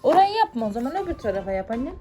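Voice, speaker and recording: A woman's voice: on the high side, big pitch swings, very fast, dark tone. A woman chatting playfully with her child at home and often turning to address the viewers. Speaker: mother vlogging with her daughter. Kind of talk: casual family vlog chat. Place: home, indoors. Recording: clear background music.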